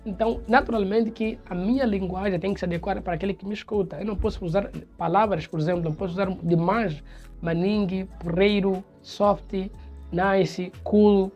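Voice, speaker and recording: A man's voice: sits high, fairly even intonation, moderate pace, a little mellow, lo-fi sound, soft background music. A man from Mozambique with a Mozambican Portuguese accent, giving opinion commentary on his channel in an explanatory way. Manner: explanatory, imitates accents in quoted examples.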